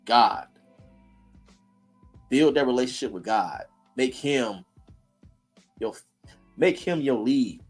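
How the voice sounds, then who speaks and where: A man's voice: mid-range voice, lively intonation, takes it slowly, pauses often, faint music behind. A man hosting a casual streamed talk, blunt and preachy, in heated street slang. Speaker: host.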